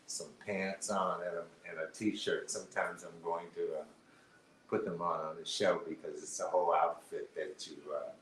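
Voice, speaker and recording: A man's voice: sits low, a bit bright, reverberant, slight background noise, rough recording. A man co-hosting a casual live stream chat, rambling with lots of fillers and restarts. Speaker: co-host.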